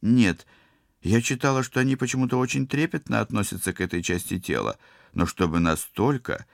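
A man voicing an eager, curious young woman student in an audiobook, with excited, pleading talk. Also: on the low side, fairly quick, vocal fry, no echo, studio quality, voice pushed up.

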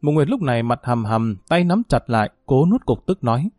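A man narrating a family drama story in a steady, matter-of-fact way. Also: mid-range voice, brisk, dry recording, clean studio sound.

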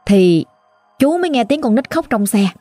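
A woman's voice: on the high side, animated, normal speed, dark tone, no room sound, soft background music. A woman with a Southern Vietnamese accent narrating a ghost story in a chatty, exclaiming way, talking straight to her listeners.

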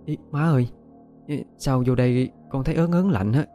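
A man's voice: medium pitch, moderate pace, warm tone, soft background music, pitched above the performer's own voice, natural voice. A man voicing an eighteen-year-old village girl who sounds whiny and pleading. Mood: uneasy.

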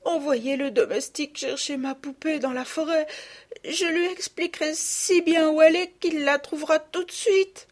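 A sobbing little girl. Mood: pleading. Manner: sobbing, halting, high and strained. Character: tearful little girl, distraught over lost doll. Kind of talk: storybook reading.

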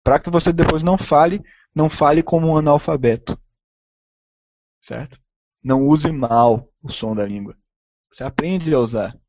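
A man's voice: a little high, normal speed, pauses often, no echo. A man giving an opinionated lecture, speaking emphatically and checking in constantly with tag questions. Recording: dull, dry lo-fi recording.

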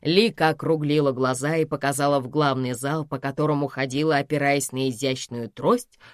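A woman narrating a story in the first person, telling it in a lively, expressive way. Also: very deep voice, normal speed, dry recording, studio quality.

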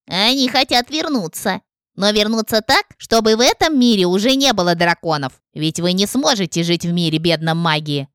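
A woman voicing a female witch ghost who talks in a calm, scornful and biting way. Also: medium pitch, normal speed, smooth, no echo, studio quality, natural voice. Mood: cool. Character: mocking female witch ghost, cool and sharp.

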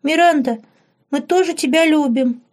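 A little girl spirit trapped inside an old witch, her voice thin, childish and very high, as a woman narrator puts her on. She giggles and pleads in a storybook audiobook. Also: normal speed, darkish tone, lightly acted. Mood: pleading, tearful.

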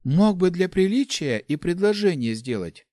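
A man's voice: high voice, sing-song, normal speed, darkish tone, dry recording, studio quality, pitched above the performer's own voice. A man voicing a young female necromancer who teases and plays a noble lady. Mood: teasing. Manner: mock-noble, teasing.

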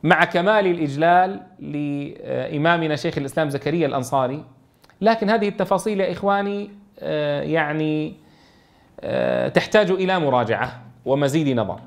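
A man teaching Quran recitation, reading a classical text slowly and explaining it with questions to his students. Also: on the high side, gravelly. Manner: reads quoted verses slowly, then explains in dialect with rhetorical questions.

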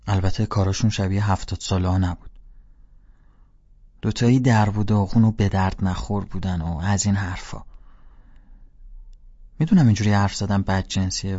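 A man's voice: fairly low pitch, dark tone, no echo, highs cut off. A man narrating a first-person audiobook in a casual, slangy storytelling voice.

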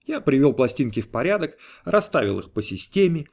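Male audiobook narrator, measured and even, mid-pitched. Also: gravelly. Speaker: audiobook reader. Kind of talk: scripted narration.

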